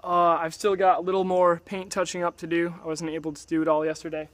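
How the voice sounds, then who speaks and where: A young man filming a casual video diary outdoors at a rural building site, talking in a relaxed, chatty way with halting restarts. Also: fairly high pitch, no echo. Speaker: DIY vlogger.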